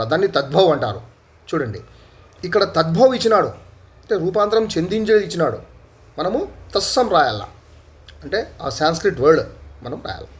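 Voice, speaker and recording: A man with a Telugu accent teaching a Hindi lesson, explaining slowly and repeating words and example sentences. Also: fairly high pitch.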